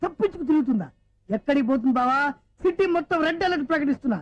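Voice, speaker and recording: An actor playing an excitable, nosy young friend in a film comedy, chattering rapidly. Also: male voice, very high-pitched, dry recording, dull audio. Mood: eager.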